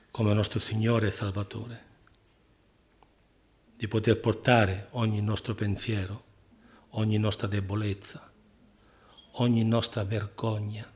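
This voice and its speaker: A man preaching a sermon to his congregation, emphatic, with repeated rhetorical questions and swings between loud and hushed delivery. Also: fairly low pitch.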